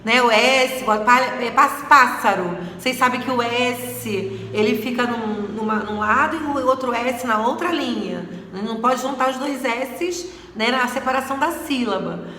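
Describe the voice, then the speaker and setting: A woman's voice: on the high side, moderate pace, hardly any pauses, pushed and bright, slight background noise. A woman from Brazil teaching a recorded lesson to young students, stretching out and repeating words to stress their syllables. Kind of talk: recorded video lesson for sixth graders. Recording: echoey room with long reverb.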